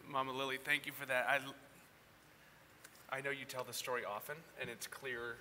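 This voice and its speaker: Male pastor, very bright tone, conversational and lightly humorous; reverberant hall. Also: medium pitch, level tone, moderate pace, a little hiss or hum. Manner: warm conversational, gently humorous. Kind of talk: sermon and church announcements. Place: church hall. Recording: reverberant hall, faint ambience.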